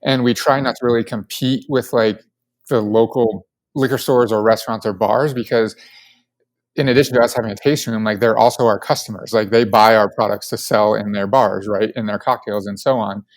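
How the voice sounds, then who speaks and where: Answering in a steady, lowish voice and a little fast, this guest co-founder from Colorado is casual and enthusiastic. The casual podcast interview is full of his filler words.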